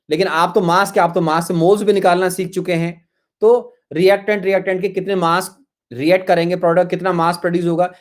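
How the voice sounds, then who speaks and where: A man teaching chemistry in an online class, coaxing his students, repeating himself and calling them his children. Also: high voice.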